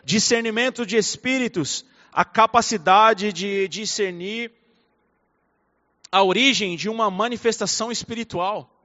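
A man preaching a fervent sermon, swinging between soft, intimate passages and loud, fiery ones. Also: sits high, measured pace. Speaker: pastor. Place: church hall. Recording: dull recording in a reverberant hall.

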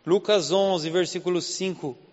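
This man, a pastor with a Southeast Brazilian Portuguese accent from that region, speaks in a high, steady voice at a slightly slow pace. His conversational sermon leans on rhetorical questions, and the lo-fi recording from the church hall carries a long reverb tail.

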